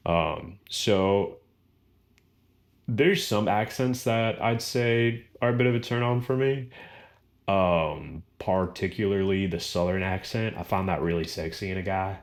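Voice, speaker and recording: In a casual vlog Q&A, a young man with a baritone voice answers viewer questions. He's relaxed and rambling, with lots of fillers and small laughs.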